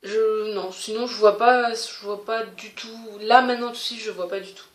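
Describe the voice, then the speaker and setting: A woman's voice: on the high side, fairly even intonation, moderate pace. A woman vlogger chatting casually to camera as she answers a question tag, hesitant, with many fillers and restarts. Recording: roomy echo.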